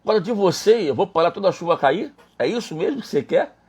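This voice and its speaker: A man's voice: high-pitched, expressive, fast, a little mellow, breathy edge, voice pushed up, exaggerated voice. A man voicing God as a patient, reasoning male divine voice inside a spoken testimony. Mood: gentle.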